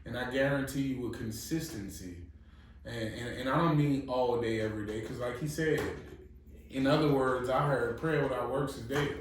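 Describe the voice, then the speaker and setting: In an echoey room, a blunt man from New Orleans, Louisiana co-hosts a podcast, casually chatting and giving blunt advice. He's profane, emphatic, and motivational, with a mid-range voice at a moderate pace. The mic is far from him and there's slight background noise.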